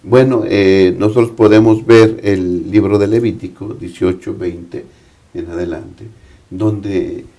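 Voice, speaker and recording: A man explains scripture in a Bible study panel discussion. He often poses rhetorical questions, speaking in a somewhat low voice. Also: steady tone, takes it slowly, dark tone.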